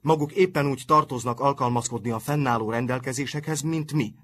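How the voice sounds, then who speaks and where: A man voicing a polite but hot-tempered top-student boy, with a husky voice. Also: mid-range voice, expressive. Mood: indignant. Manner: indignant, formally polite.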